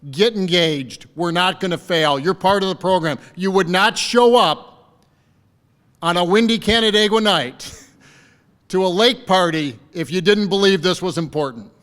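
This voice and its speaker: A man's voice: sits high, unhurried, fairly bright tone, long reverb tail. A man giving a fundraiser speech at a lakeside party, rallying the crowd with repeated calls to commit. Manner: rousing, repetitive rallying calls. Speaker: fundraising campaign speaker. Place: party venue by a lake.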